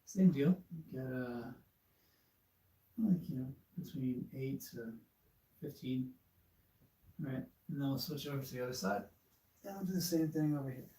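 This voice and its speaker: Male yoga instructor, mellow and easygoing, cueing poses in an echoey room, heard from a distance. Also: mid-range voice, moderate pace, long pauses. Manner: relaxed, encouraging, with fillers. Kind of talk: guided yoga class instruction. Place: studio room. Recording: echoey room, far from mic.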